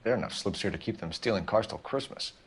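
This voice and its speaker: A man's voice: lowish voice, fast, a little hiss or hum, lightly acted. An American man acting a stern, threatening 1940s police detective in a crime game, terse as an interrogator. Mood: stern, pressing.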